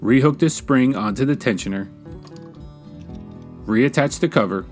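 Guy calmly walking you through a tool repair, voice-over with soft guitar behind. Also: mid-range voice. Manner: calm, instructional, measured. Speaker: woodworking channel host. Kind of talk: step-by-step how-to voice-over. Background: faint guitar music.

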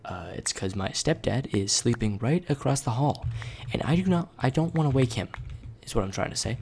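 Hushed young man, gravelly voice. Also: mid-range voice, expressive, moderate pace, slight background noise. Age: 18, young adult. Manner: hushed and casual, calls viewers "boys" and "dude". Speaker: gaming YouTuber. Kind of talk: late-night gameplay commentary. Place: bedroom at home at night. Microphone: desk microphone turned up.

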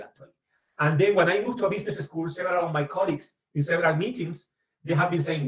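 A man's voice: on the high side, recorded from a distance. Colombian man, roomy video call. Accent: Caribbean Colombian. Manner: hesitant, repeats "actually" often. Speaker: guest speaker, professor. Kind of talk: academic presentation. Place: home office, indoors.

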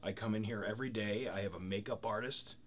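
A man playing a radio personality, talking earnestly and deadpan in a mockumentary interview. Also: fairly low pitch, fast talker, natural voice.

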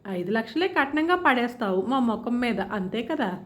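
Shrill, scornful village aunt with a swooping voice, read by a woman narrator. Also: very animated, normal speed. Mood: angry shouting. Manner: taunting, shouting scornfully. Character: sarcastic, loud-mouthed middle-aged village aunt.

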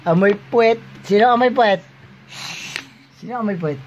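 A man's voice: high-pitched, normal speed, muffled recording. A father teasing and coaxing his young daughter in casual home banter, playful and joking. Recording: home video with background noise.

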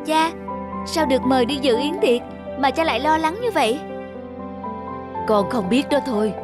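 A woman whose voice sits high speaks at normal speed, handling narration and all character voices in a cartoon folk tale. Her expressive voice acting is set against music.

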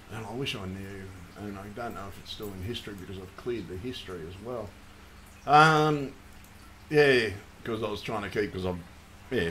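A man's voice: medium pitch, a bit bright, slight background noise. A man rambling through a casual livestream, repeating himself and apologizing as he talks over his screen. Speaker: channel host.

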